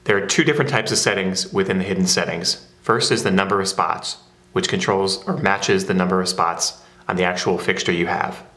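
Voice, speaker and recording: A man's voice: deep voice, brisk, bright, forceful tone. A man narrating a step-by-step product how-to in a plain, methodical way. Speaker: product demonstrator. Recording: roomy echo.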